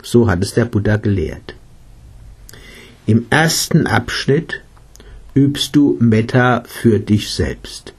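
A man voicing a gentle, patient male meditation teacher who explains his practice in a read-aloud story. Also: medium pitch, lively intonation, slow pace, pauses often, husky, exaggerated voice.

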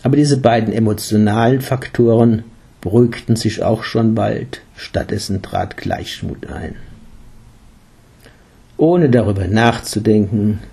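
A man narrating an audiobook in a calm, measured and unhurried way, with a husky voice. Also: lowish voice.

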